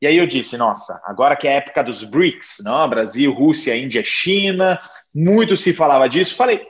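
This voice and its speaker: A man in his thirties from Genoa, Italy, speaking Portuguese with an Italian accent as a podcast guest, telling his story with animated pauses and hesitations. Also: medium pitch. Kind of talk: conversational interview. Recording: slightly dull lo-fi sound.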